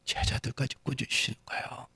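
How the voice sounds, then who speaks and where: A man's voice: a little fast, sharp tone. A male pastor preaching a sermon, who keeps asking his congregation questions and acts out the lines he quotes.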